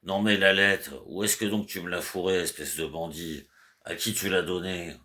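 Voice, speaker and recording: A man's voice: rumbling low, slow pace, fairly bright tone, exaggerated voice. A man voicing a frantic, fussy middle-aged clerk who scolds and then coaxes his servant. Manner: agitated, scolding then coaxing.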